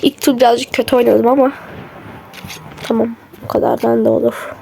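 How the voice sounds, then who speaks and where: A woman gives casual, muttered gaming commentary in a fairly high but gravelly, slightly hoarse voice. She sounds a bit under the weather and keeps her volume down. There is clear background noise on the recording. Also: sing-song, normal speed, mellow. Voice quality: gravelly, creaky voice. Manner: muttering reactions to the game, keeping voice low. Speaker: gamer narrating own gameplay.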